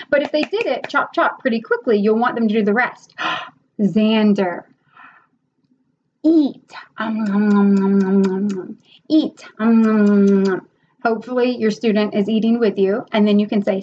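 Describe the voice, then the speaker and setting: A young woman giving tips on teaching online, in a casual instructional style that slides into slow, exaggerated sing-song demo words. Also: medium pitch. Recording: slightly dull lo-fi sound with faint hiss.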